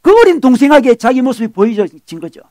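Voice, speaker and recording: High-voiced Korean pastor preaching animatedly. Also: male voice, brisk, no echo. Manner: animated, acts out quoted lines and asks the congregation. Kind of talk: sermon.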